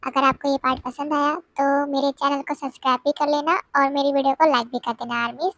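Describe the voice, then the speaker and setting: High-voiced young woman signing off a story. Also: fairly even intonation, fast talker, fairly bright tone, no room sound. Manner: chatty, friendly sign-off. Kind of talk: fan story reading with outro.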